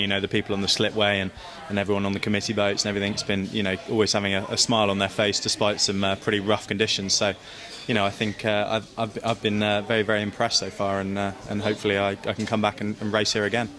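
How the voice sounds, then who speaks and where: Fast-talking young man, low voice. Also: completely flat delivery, a bit bright. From Great Britain. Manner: chatty, upbeat, self-deprecating. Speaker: sailor being interviewed. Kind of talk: casual post-race interview.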